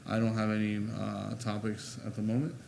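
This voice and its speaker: A man with a lowish voice chairs a city board meeting in a council chamber. He moves through the formal steps in a relaxed way and makes light jokes between them. The recording is noisy and carries the room around him. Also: fairly quick, creaky.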